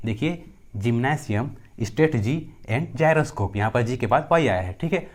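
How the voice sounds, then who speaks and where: A man's voice: medium pitch, expressive, normal speed. A young man teaching pronunciation, repeating each rule and example word and answering his own questions. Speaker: English teacher. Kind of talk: pronunciation lesson.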